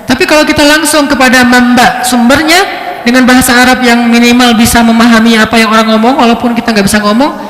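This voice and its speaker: High-voiced man preaching in an echoey hall. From Indonesia. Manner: lively storytelling, shifting pitch for effect. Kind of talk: religious lecture.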